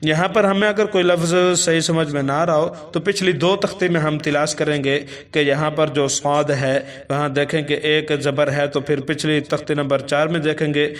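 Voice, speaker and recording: A man with a Pakistani accent teaching Quran reading, spelling out syllables slowly in a chanting tone. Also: a little high, fairly even intonation.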